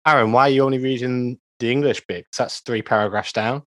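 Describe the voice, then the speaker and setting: A man's voice: medium pitch, steady tone, fast. A man playing a tabletop game with friends, teasing them in a boisterous, casual way. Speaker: player.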